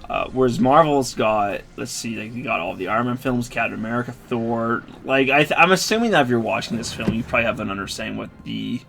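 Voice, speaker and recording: Casting: male let's-play host, rambling and self-deprecating, bright tone with vocal fry. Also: mid-range voice, quick pace, few pauses. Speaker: gamer, video host. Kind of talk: casual let's-play commentary.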